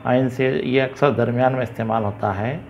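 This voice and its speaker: A man teaching the Urdu alphabet, sounding out each letter patiently and repeating it loudly. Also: mid-range voice, steady tone, brisk, creaky. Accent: Indian Urdu. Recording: dull lo-fi recording with faint background hiss.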